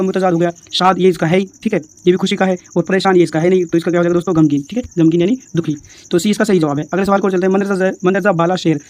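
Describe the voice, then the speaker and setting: A man's voice: high voice, a little mellow. A man walking through exam answers in a lesson, addressing viewers as friends and answering his own questions. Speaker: teacher explaining exam answers.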